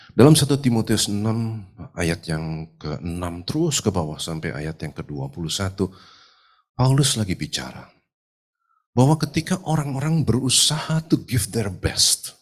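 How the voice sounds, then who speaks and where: A man's voice: medium pitch, slightly rough. A man preaching a sermon at a live church service, his voice nasal from a cold, with an emphatic delivery. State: stuffy nose from a cold. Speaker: pastor.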